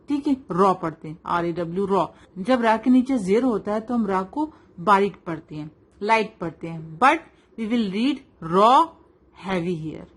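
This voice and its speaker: A woman teaching a child Quran recitation rules, switching between Urdu and English, stretching words out slowly to model them and quizzing with "right?" and "fine". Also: mid-range voice. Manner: asks quiz questions and checks with "right?" and "fine". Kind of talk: tajweed lesson for a child, mixing Urdu and English.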